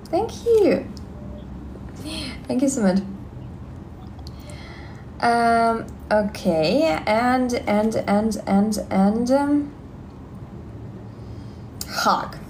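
Slow, halting Russian-accented young woman. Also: a little high, reverberant, a little hiss or hum. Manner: halting, simple English with many fillers and repeats. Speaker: livestream vlogger. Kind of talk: live stream chat, reading comments. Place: indoors, small room. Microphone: phone held close.

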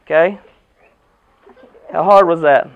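A man's voice: on the high side, slow, narrow, tinny audio. A middle-aged American man, a basketball coach, giving a motivational locker-room pep speech in short emphatic phrases with rhetorical questions. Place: indoor team locker room. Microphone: camera a few metres away.

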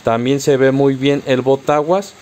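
A man's voice: mid-range voice, steady tone, unhurried, a little mellow. A man with a Mexican accent narrating a step-by-step car accessory tutorial, patiently instructing viewers directly. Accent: Mexican Spanish.

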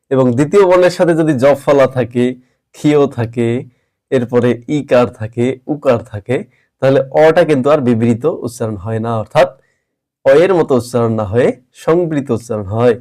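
A man teaching a grammar lesson, explaining rules patiently step by step and repeating words slowly. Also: medium pitch, a little mellow.

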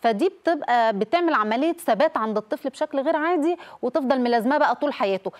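Egyptian lady counselor on a tv talk show, quick and a bit high, acts out kids' mispronounced words. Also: animated. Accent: Egyptian Arabic. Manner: explanatory, demonstrates mispronounced words. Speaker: guest family counselor.

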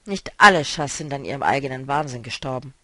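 A man's voice: medium pitch, animated, brisk, bright, forceful tone, dry recording. A man reading a novel aloud, voicing a stern, mocking woman who speaks firmly and decisively. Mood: determined.

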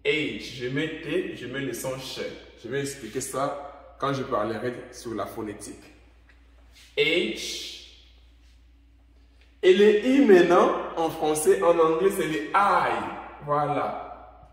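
A man giving a language lesson, repeating each letter slowly and carefully. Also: a little high, expressive. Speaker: English teacher. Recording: echoey room with long reverb.

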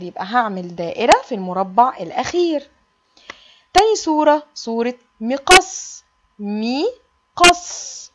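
Lively Egyptian woman teaching small children. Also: high voice, dull audio, heavy background noise. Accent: Egyptian Arabic. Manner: sing-song, drawn-out letter sounds for small children. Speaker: kindergarten teacher. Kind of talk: teaching a children's alphabet lesson.

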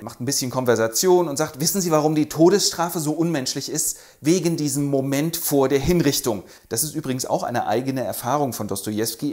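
A man's voice: medium pitch, darkish tone. A man retelling a classic novel in a casual, chatty, informal way, talking straight to his viewers.

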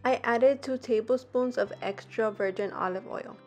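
A woman's voice: a little high, normal speed, a little mellow. Young woman narrating a recipe over guitar music. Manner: plain step-by-step explaining. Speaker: vlogger.

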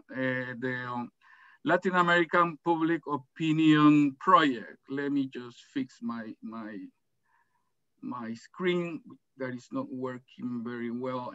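Over dull, dry video call audio, a middle-aged man from El Salvador moderates and presents at an academic webinar from his office. He speaks hesitantly, restarting and using many fillers, in a mid-range voice that is pushed and bright, with no echo.

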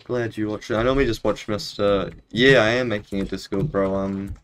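A man's voice: lowish voice, steady tone, brisk, a bit bright, clear, resonant tone. A young man with a broad New Zealand accent, chatting casually and slangily in a laid-back way while streaming a game. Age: young adult. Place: small indoor room at home.

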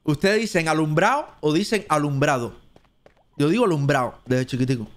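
A man with a Cuban Spanish accent, streaming live gameplay and chatting as he thinks aloud, now and then jumping into a squeaky high voice. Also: animated, quick pace. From Cuba.

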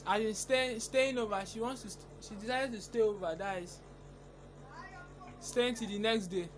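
High-pitched, hesitant young man. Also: normal speed. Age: young adult. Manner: hesitant, stammering. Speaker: prankster son on a phone call. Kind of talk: casual prank call. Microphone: phone camera at arm's length.

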